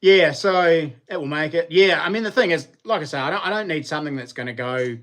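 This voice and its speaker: A man's voice: on the high side, a little fast, a bit bright. A man with a New Zealand accent hosting a livestream, talking to viewers in an informal, rambling, slangy way. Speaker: livestream host. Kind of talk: casual livestream chat with viewers.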